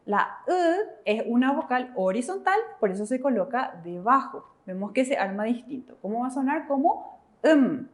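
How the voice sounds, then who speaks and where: A Paraguayan woman co-teaches a language lesson, walking through each sound step by step. Her voice is a little high. She backs up her colleague with short, encouraging affirmations. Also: animated, normal speed. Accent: Paraguayan Spanish. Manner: encouraging, answers with "ujú". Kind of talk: classroom explanation.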